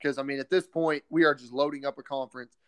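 A man co-hosting a casual sports podcast, emphatic and excited, often calling his partner "man". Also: medium pitch, quick pace, no room sound. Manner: excited and opinionated.

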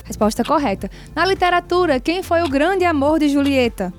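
A woman hosting a radio quiz in a studio, brisk and upbeat, reading each question slowly and clearly. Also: sits high, lively intonation. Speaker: radio show host, quiz master.

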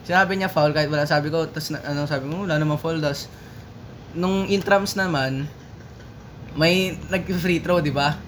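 A young man with a high voice tells a long, halting story to his friends, stopping and starting again as he goes. Faint noise hums under the recording. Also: fairly bright tone. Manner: rambling storyteller with many restarts. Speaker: podcast co-host. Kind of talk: casual group chat among friends.

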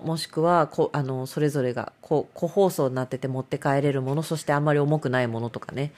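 A woman's voice: sits low, a little mellow. A middle-aged woman hosts a casual solo talk show, rambling and self-mocking.

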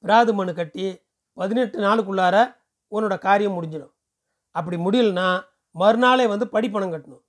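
A man voicing a pushy, smooth-talking male temple ticket seller who lectures briskly and persuasively. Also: sits high, natural voice. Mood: brisk lecturing.

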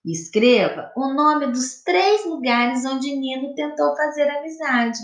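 Brief: Brazilian woman teacher, high voice, slow patient explaining, echoey room. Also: lively intonation. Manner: slow, patient explaining, spelling out sounds and syllables. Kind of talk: recorded classroom lesson for pupils.

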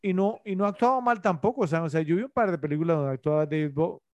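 A man with a slightly high voice co-hosts a casual film podcast. He is opinionated and keeps asking his co-hosts for their take. The recording is close and dry, with no room sound. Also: fast talker, dry recording, dull audio. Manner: opinionated, questions the others. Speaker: podcast co-host.

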